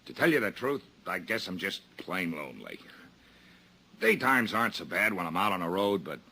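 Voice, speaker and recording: A man's voice: low voice, very animated, moderate pace, vocal fry, sharp tone, breathy edge, full character voice. An actor playing a lonely, overfriendly traveling salesman, folksy and pushy, in a 1950s radio drama.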